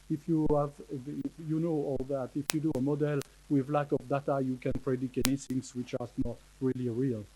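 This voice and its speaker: A man with a French accent, a native French speaker, giving a conference presentation in English, halting, with many fillers and restarts. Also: on the high side, mellow, slight background noise, rough recording. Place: conference hall.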